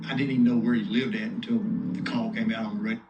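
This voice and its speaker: A retired sheriff's lieutenant, recalling events plainly in an interview. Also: male voice, lowish voice, level tone, fast talker. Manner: plain, matter-of-fact. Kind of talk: interview recollection. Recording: dull audio under loud music.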